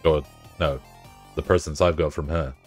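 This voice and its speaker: Over soft background music, a young man streaming a game talks casually with chat, swearing heavily in loose banter and sounding bunged up. His voice is very deep and darkish with a breathy edge, and his intonation stays fairly even at a normal speed.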